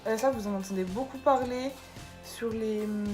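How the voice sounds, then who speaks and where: A beauty vlogger chats casually through an unboxing haul video, tripping over product names as she shows each one. Her voice is a little high, at normal speed, with music playing underneath.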